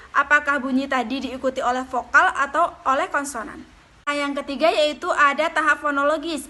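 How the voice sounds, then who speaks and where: A woman's voice: sits high, sharp tone. A young woman presenting a lesson, reading steadily from her notes.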